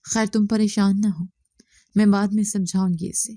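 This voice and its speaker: A woman voicing an older mother-in-law who speaks softly and plays the victim. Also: mid-range voice, fairly even intonation, dry recording, studio quality, natural voice. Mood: sly. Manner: soft complaining tone, plays the victim. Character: older mother-in-law, sly and self-pitying.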